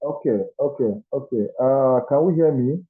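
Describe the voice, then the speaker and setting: A man lecturing on an online class while his audio glitches and drops, asking haltingly whether he can be heard. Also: medium pitch, breathy edge. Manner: halting, many fillers, asks if he can be heard. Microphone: video call. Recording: tinny phone-like call audio.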